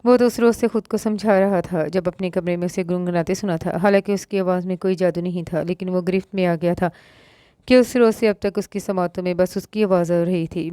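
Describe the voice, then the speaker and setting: A woman with a Pakistani Urdu accent reading a romance novel aloud, voicing every part in the same even voice. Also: lowish voice, a little fast, clear, resonant tone, no echo, studio quality. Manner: reads all parts in one even voice, lifting slightly for quoted lines. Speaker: novel narrator.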